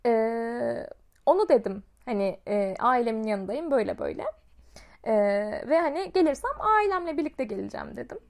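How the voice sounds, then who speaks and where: A woman with a high voice tells a story in a casual vlog. She is a teacher and talks in a chatty, self-mocking way. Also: expressive, normal speed, vocal fry.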